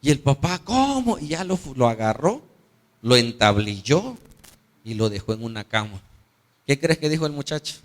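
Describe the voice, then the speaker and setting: A man's voice: medium pitch, animated, normal speed. A man preaching a sermon, conversational and storytelling, checking in with his listeners. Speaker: pastor.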